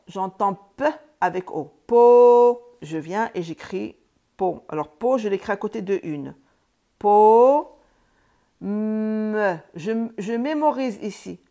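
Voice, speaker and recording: A woman teaching children to read, breaking each word into syllables and letter sounds. She speaks extremely slowly and deliberately, at a mid pitch, repeating each sound clearly. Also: a little mellow. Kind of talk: reading and spelling lesson.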